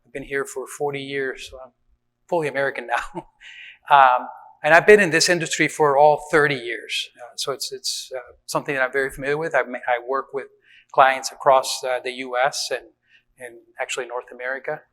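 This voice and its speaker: A man's voice: mid-range voice, fairly even intonation, a little fast, a bit bright. A middle-aged man from Venezuela giving a conversational conference talk to facility managers, with frequent fillers and restarts. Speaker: conference speaker on building maintenance. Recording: reverberant hall.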